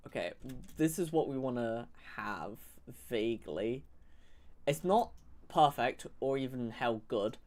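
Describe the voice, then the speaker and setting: A man's voice: medium pitch, lively intonation, a little slow, darkish tone. Sarcastic man rambling over gameplay. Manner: rambling, sarcastic, self-correcting. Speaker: gaming YouTuber. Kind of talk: casual strategy-game commentary.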